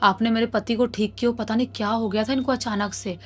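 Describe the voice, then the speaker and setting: A woman's voice: on the high side, fairly even intonation, brisk, lightly acted. A woman voicing an anxious young wife and mother who calls out in urgent, worried bursts, inside a spoken horror story.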